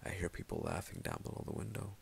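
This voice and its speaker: A man voicing a lonely, defiant young girl locked in a tower, in a deep, gravelly voice. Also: huge pitch swings, fast talker, darkish tone, a little hiss or hum, full character voice. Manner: complaining, insistent.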